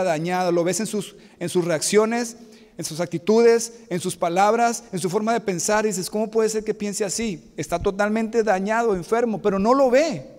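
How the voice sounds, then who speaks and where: A man's voice: sits high, darkish tone. A man preaching a sermon to a congregation, earnest and repeating his key phrases. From Mexico. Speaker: pastor. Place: church sanctuary. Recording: long hall reverb.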